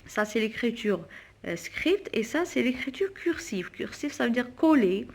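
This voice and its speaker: A woman primary school teacher giving a phonics lesson for young children, slowly spelling out letters and syllables and repeating them. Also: a little high, expressive, a little hiss or hum.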